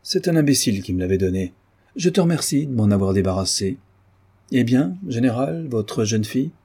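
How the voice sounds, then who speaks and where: A man's voice: medium pitch, lively intonation, a little fast, warm tone, husky. Man voicing a commanding old countess. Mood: imperious. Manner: indignant, commanding society talk. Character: haughty elderly countess, imperious and fiery.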